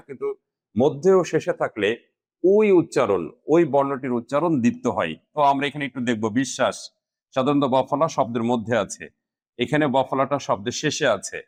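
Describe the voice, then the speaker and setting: A man teaching a grammar lesson to students, speaking slowly and deliberately and spelling words out piece by piece. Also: mid-range voice.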